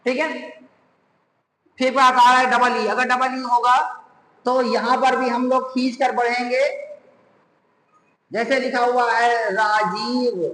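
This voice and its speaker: A man with a very high voice teaches a grammar lesson at an unhurried pace, spelling words out letter by letter. His voice rings in a reverberant room with a long tail. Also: level tone, sharp tone. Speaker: English teacher.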